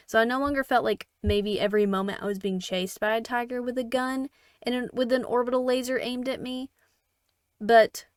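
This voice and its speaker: A woman's voice: medium pitch, dry recording, clean studio sound. A woman vlogger talking casually and irreverently in a scripted commentary, joking and swearing freely.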